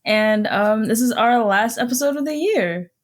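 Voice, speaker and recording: A woman's voice: on the high side, expressive, moderate pace. A young woman co-hosting a podcast, chatting casually with a giggly, rambling manner and plenty of fillers. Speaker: podcast co-host. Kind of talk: casual chat.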